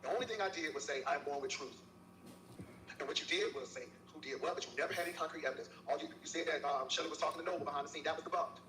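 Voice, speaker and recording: High, bright-voiced man scolding a rival. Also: very fast, few pauses. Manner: scolding, preachy, repeats her name. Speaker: YouTuber in a clip. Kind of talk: heated monologue addressing a rival. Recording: echoey room, far from the mic, faint hiss.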